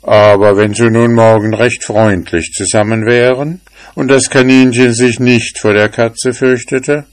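A big storybook house dog grumbles along in a raised voice, as a man puts him on. His words come slowly. The sound is close and dry. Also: mid-range voice, fairly even intonation, dry recording, voice pushed up, close to an everyday voice. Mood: grumbling. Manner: grumbling, then agreeable.

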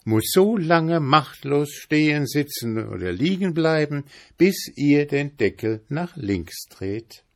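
A man voicing a frightened innkeeper's wife in a read-aloud fairy tale, pleading in a high voice.

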